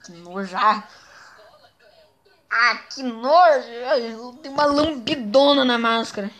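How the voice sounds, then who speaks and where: A young woman with a Brazilian Portuguese accent giving excitable, playful let's-play commentary, teasing and squealing as she plays. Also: a little high, slow. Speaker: gaming YouTuber.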